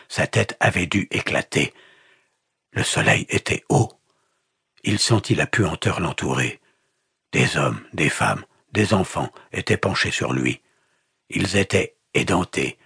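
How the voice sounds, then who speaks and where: A male audiobook narrator with a very low, gravelly voice, reading in a measured, grave way. His tone is strongly husky, and the close studio mic leaves it dry, with no room sound. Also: fairly bright tone, no echo. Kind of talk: scripted narration.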